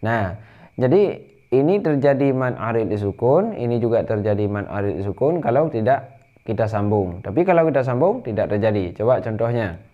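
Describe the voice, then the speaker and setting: A man teaching tajwid, explaining rules briskly and then reciting verses slowly in a higher chant. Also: big pitch swings, muffled recording.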